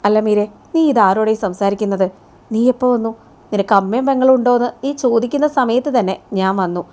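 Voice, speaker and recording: A young woman who presses with one firm question after another, put on by a woman recapping a serial. Her voice is pitched slightly above an everyday tone. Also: fast, a little mellow, close to an everyday voice. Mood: suspicious. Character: young woman, suspicious and probing.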